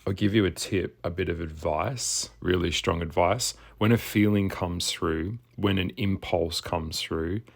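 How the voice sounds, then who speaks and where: A man with a deep, husky, just-woken voice, chatting casually as a podcast host in a sassy, blunt way. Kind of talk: casual spoken monologue.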